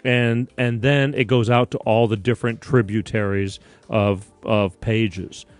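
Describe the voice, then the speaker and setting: Speaking at a measured pace in a fairly low, fairly even voice, a man from Connecticut, USA, hosts a live-streamed talk show. He drifts from topic to topic, restarting often and swearing casually along the way.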